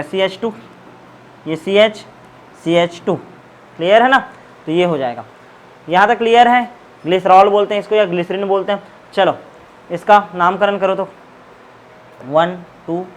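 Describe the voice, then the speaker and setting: A man's voice: high voice, slight background noise, poor audio. A man teaching a chemistry class in a classroom, asking students questions and repeating the answers. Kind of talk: classroom lecture.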